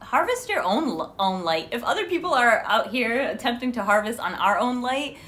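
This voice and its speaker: Over noisy livestream audio, a Colombian woman with a Paisa accent co-hosts and chats with live viewers, effusive and giggly. Her voice is a little high and sing-song, a bit bright, at a normal speed.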